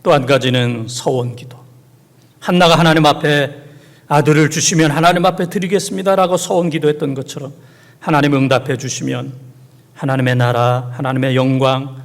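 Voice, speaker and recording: High, gravelly pastor in a reverberant church. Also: male voice, steady tone, a little fast. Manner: swings from soft near-whispers to loud urgent exhortation; scolds the congregation directly in plain speech. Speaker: senior pastor. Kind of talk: Sunday sermon. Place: large church sanctuary.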